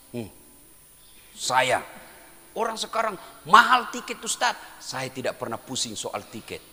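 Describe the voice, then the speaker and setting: Animated male preacher in an echoey hall. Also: medium pitch. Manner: animated, jokey, full of rhetorical questions. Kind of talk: humorous sermon. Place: Islamic boarding school hall.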